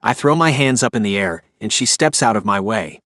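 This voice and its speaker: A man's voice: on the low side, animated, fairly quick, fairly bright tone, no echo, studio quality. A man narrating a first-person romance audiobook with an emotive, inner-monologue delivery.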